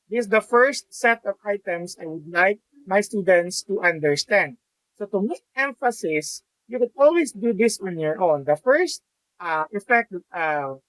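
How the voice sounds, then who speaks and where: Filipino man explaining a software tutorial. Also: high voice, dry recording, rough recording. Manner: explanatory, frequent fillers and restarts, mixes in Tagalog. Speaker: math teacher educator. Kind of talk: screen-recorded software tutorial.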